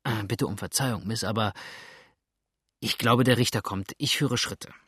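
A man's voice: lowish voice, normal speed, fairly bright tone, slightly rough, no echo, studio quality. A male audiobook reader voicing an earnest, urgent young farmer. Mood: brooding.

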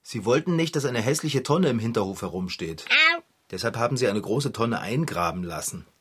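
A man's voice: mid-range voice, expressive, moderate pace, breathy edge. A man playing a naive, cheerful young bike mechanic in a children's audio play, chatty and childlike. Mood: on phone. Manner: chatty, childlike, easily enthused.

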